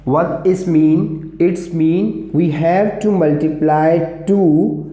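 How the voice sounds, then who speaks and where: A man teaching maths, explaining slowly and repeating himself as he switches between English and Hindi. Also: a little high, dark tone. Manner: slow, repetitive explaining, calls students beta. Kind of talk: classroom lesson mixing English and Hindi. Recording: echoey room.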